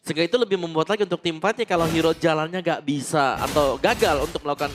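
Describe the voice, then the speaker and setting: A man's voice: a little high, fast, music in the background. A man with an Indonesian accent giving analytical esports caster commentary on a match.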